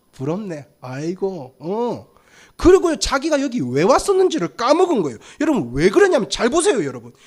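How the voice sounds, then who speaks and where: High-voiced, animated male preacher. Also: breathy edge. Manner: animated storytelling, acting out scenes. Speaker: pastor. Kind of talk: sermon.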